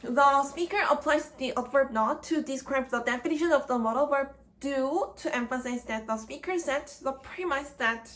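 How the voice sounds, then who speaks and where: A woman teaching English grammar in a slow lecture, speaking in short, deliberate chunks. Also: high-pitched, a bit bright.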